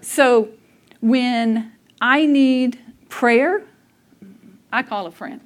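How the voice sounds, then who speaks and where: A woman's voice: on the high side, very slow. A woman preaching a conversational sermon, telling personal stories candidly and laughing at herself. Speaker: speaker at a church service.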